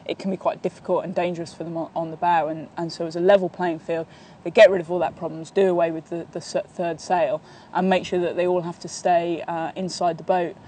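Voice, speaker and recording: A woman in her thirties answers questions as a sailing coach, recorded on a lapel mic in a sunny park. Her voice stays flat and even, with plenty of fillers and restarts. Faint outdoor noise sits underneath. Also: lowish voice. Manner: steady, even delivery with many fillers and restarts. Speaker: sailing coach and training partner. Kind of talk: outdoor interview.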